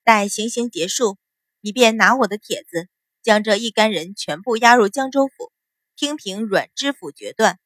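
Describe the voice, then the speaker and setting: A woman's voice: mid-range voice, moderate pace, fairly bright tone, dry recording, clean studio sound, lightly acted. A woman voicing a cold, imperious young noble lady who hands down judgments with scorn in an audiobook. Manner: icy, commanding, scornful.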